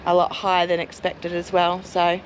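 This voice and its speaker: A hoarse woman, chatting casually and poking fun at herself in a travel vlog, outdoors at a caravan park. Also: fairly low pitch, monotone, normal speed, background noise. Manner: chatty, self-mocking. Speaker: travel vlogger. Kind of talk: casual chat.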